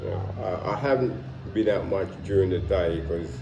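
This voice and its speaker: Deep-voiced and moderately paced, this London-born vlogger in his sixties chats relaxedly to camera from a warm room at his home in Colombia. His London English rambles along, stopping and restarting, and the sound is reverberant with highs cut off and background noise.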